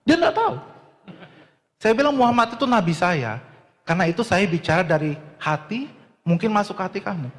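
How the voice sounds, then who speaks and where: Lively high-voiced male preacher in a hall. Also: a little fast, long pauses. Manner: lively storyteller acting out dialogue. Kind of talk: storytelling sermon. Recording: long reverb of a hall.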